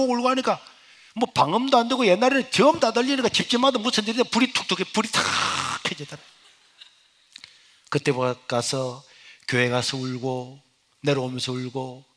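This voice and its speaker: Male pastor preaching a dramatic testimony. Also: high-pitched. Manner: storytelling with sudden swings from loud exclamation to hushed near-whisper. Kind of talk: sermon with personal testimony.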